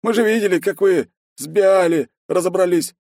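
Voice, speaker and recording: Man doing a high, cagey village headman. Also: normal speed, a little mellow, dry recording, clean studio sound. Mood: sly. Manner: folksy, cagey, wheedling. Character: wary folksy village headman, middle-aged male warrior.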